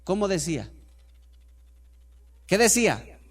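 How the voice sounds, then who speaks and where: Animated, high-pitched preaching pastor. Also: male voice, takes it slowly, husky. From Ecuador. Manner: preaching to a congregation, calls for responses, swings from soft to loud. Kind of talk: sermon.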